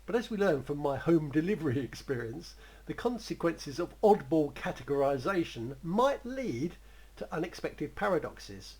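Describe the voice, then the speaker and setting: A man's voice: fairly high pitch, sing-song, moderate pace, darkish tone, breathy edge, rough recording. A man gives a rambling, conversational creative writing lesson and often chuckles.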